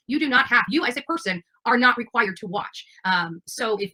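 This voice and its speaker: On a rough recording, a livestream channel host speaks in a mid-range voice that is husky and sharp in tone. She's talking casually to her audience in a monologue that rambles. She comes across as emphatic and defensive.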